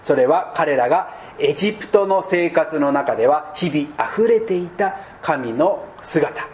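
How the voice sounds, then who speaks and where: Man, pastor, sermon, high voice, deliberate, sinks soft and low for emphasis, faint ambient noise. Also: animated. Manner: slow deliberate preaching, dropping to soft low tones.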